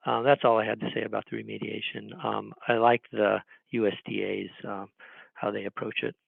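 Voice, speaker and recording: A man calling in over a landline phone to give public comment at a meeting, speaking in a halting way with many restarts. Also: fairly low pitch, flat delivery, creaky, slightly rough, dry recording. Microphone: landline telephone. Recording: tinny phone line, dry.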